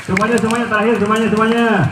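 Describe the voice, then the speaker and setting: A man leads a group of teachers in a vocal drill for Quran recitation, singing pitch patterns and calling on them to answer. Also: little pitch movement, rapid-fire, recorded from a distance, crowd noise, background noise. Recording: roomy echo with music behind.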